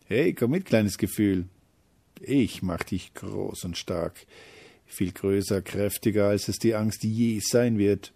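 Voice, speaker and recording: A boastful, pushy storybook feeling called Courage, acted out by a man. He talks loudly and fast with a gravelly, dark voice. He sounds a little husky. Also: on the low side, level tone, full character voice.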